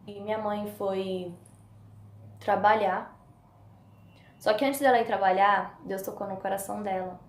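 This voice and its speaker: A woman with a Brazilian Portuguese accent telling a personal story as a vlogger, animated and acting out the voices of the people in it. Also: medium pitch, measured pace, long pauses. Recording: echoey room with faint noise.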